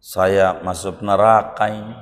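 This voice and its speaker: A man voicing an anxious, humble old grandmother who pleads in a hushed voice. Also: sits low, flat delivery, unhurried, slight background noise, pitched below the performer's own voice. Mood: pleading. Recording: reverberant hall.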